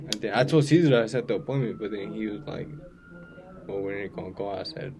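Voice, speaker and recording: A man's voice: lowish voice, fast, a crowd in the background. A man in his twenties, a real estate agent co-hosting a podcast, talking casually and full of slang. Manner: laid-back slangy talk, keeps saying "you know what I mean". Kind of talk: casual chat.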